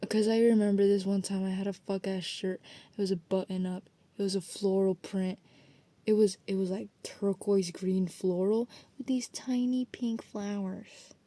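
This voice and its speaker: A woman's voice: medium pitch, little pitch movement, measured pace, warm tone, no echo. A young adult woman rambling casually in a late-night vlog, swearing freely and drifting between thoughts. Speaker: student vlogger.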